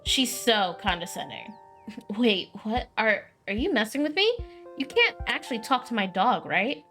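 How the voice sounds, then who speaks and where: A woman's voice: fairly high pitch, very animated, a little slow, fairly bright tone, faint music behind. Woman playing chatty small-town gal Stella. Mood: teasing.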